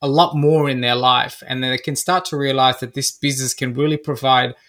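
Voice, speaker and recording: A man of about forty with an Australian accent, a Melbourne business coach originally born in Fiji, chats conversationally as a podcast guest answering interview questions. His medium-pitched voice is steady, brisk, and fairly bright.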